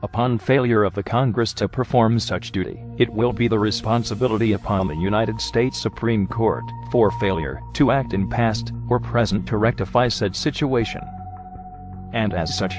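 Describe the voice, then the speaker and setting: Disguised deep-voiced man, stern legalistic reader of a formal warning, music bed. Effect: disguised, digitally deepened voice. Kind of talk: formal warning statement read aloud.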